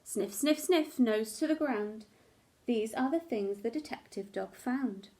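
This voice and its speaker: A woman teacher reads a children's picture book aloud, telling the story in an expressive, animated way. Her voice is on the high side and her pace a little slow.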